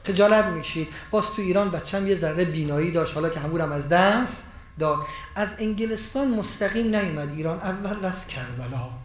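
High-voiced preacher in an echoey hall. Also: male voice, slight background noise. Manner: swings between loud emphatic rises and hushed quiet storytelling. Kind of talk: sermon. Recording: echoey room with faint ambience.

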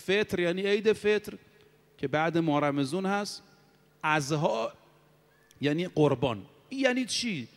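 A man preaching a sermon to a congregation, who slows down to draw out Arabic quotations. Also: fairly high pitch, animated. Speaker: cleric preacher. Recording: long hall reverb.

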